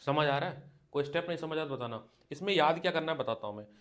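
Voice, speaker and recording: Male physics teacher, slow repeated dictation, direct coaching, classroom lecture. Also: on the high side, lively intonation, fairly bright tone.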